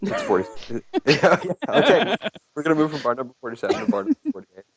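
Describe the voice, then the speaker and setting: A man playing a tabletop role-playing game, quick and jokey, often laughing. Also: fairly high pitch, very animated, crowd noise. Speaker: player. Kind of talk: casual tabletop game chat.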